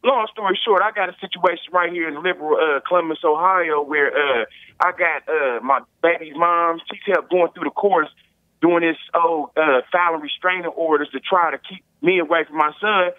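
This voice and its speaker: Male caller, high voice, rambling, clipped breaking-up speakerphone line, tinny and dry. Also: normal speed, no room sound. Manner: rambling, repeats fillers. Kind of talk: casual call-in rant. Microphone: phone on speakerphone.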